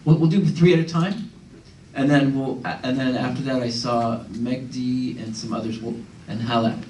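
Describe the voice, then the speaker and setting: A man's voice: medium pitch, fairly even intonation, normal speed, a little mellow. A man moderating a panel discussion, courteous, often restarting and repeating words as he hands the floor to others. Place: large meeting room indoors. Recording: roomy hall, distant mic, faint hiss.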